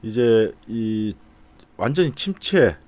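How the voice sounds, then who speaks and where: A middle-aged man speaks slowly but very animatedly, his voice fairly low and darkish. He offers casual stock market commentary over charts, thinking aloud to his viewers with fillers.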